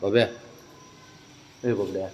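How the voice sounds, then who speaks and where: A young man outdoors talking to his pet cat in doting baby talk, coaxing it along and scolding it gently. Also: on the low side, steady tone, slow, slight background noise. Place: outdoors, in sun and shade.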